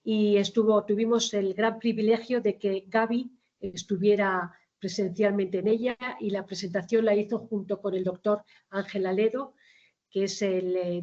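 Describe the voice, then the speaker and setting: A woman hosts an online meeting and introduces it informally. Her pitch is average for a woman, and the call audio is slightly dull. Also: a little mellow. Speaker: host introducing the speakers.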